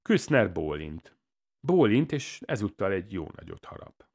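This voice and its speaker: A man's voice: sits low, sing-song. A man reading a first-person crime story aloud in a dry, matter-of-fact way. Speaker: audiobook narrator. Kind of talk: first-person audiobook narration.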